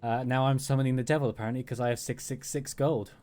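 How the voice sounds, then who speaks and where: A man playing a character in a tabletop game, talking hesitantly with many pauses. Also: medium pitch, fairly even intonation, a little mellow. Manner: hesitant, full of ums and restarts. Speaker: player. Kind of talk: casual tabletop game chat.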